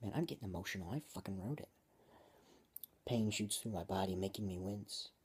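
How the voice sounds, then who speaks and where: A man's voice: low voice, fairly quick, slightly rough. A man reading his own story aloud, stopping often to joke and comment on his writing. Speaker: amateur writer and vlogger.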